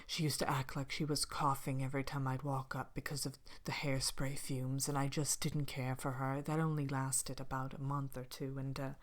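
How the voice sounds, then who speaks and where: A woman voicing a haughty, vain evil fairy-tale queen in an ASMR role-play, soft-spoken and partly whispered, pompous and languidly disdainful. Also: a bass voice, level tone. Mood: disdainful, gossipy. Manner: pompous, languid, theatrical disdain with drawn-out words. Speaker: host of a character Q&A show. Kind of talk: ASMR character role-play, answering questions.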